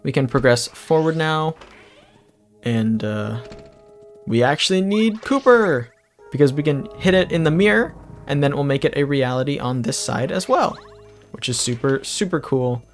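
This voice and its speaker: A man's voice: fairly high pitch, lively intonation, moderate pace. A man giving casual let's play commentary, rambling through jokey asides as he plays. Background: game music.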